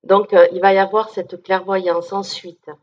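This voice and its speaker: A woman's voice: medium pitch, level tone, unhurried, a little mellow, highs cut off. A woman medium giving an informal conference talk to an audience, down-to-earth and chatty, often checking in with listeners. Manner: down-to-earth, chatty, many fillers and check-ins.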